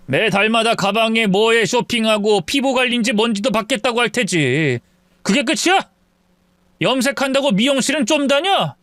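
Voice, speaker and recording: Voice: mid-range voice, expressive, moderate pace, a bit bright, no room sound, clean studio sound, natural voice. A narrator voicing a cold, irritable middle-aged husband who lectures his mother. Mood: irritated.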